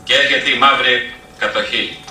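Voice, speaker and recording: A man reading a historical account aloud at a public event, steady and declamatory with occasional slips. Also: mid-range voice. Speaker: event speaker. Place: event hall. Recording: echoey room, distant mic, faint noise.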